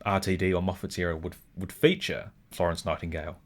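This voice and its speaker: An Australian man with a somewhat low voice chats through a casual review. He rambles and hedges as he talks. He laughs easily. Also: flat delivery, a little fast. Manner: chatty, hedging, laughs often. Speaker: podcast co-host.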